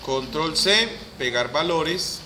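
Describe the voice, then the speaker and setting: Male instructor, slow and repetitive, with a light voice over a hissy recording. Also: on the high side, expressive, bright, forceful tone, low-quality recording. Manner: slow, repeats each step aloud. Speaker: teacher. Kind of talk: screen-recorded software lesson.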